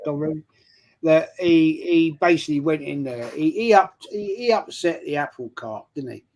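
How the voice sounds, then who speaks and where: Man, a bit higher voice, halting, restarts, casual chat. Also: a little mellow. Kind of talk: casual chat about football.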